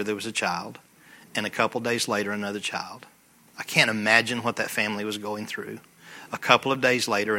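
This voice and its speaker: Southern american guy preaching, middle-aged, really bright tense voice, folksy then fired up. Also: mid-range voice. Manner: folksy, conversational preaching that builds to loud fervent peaks. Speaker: pastor. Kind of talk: sermon.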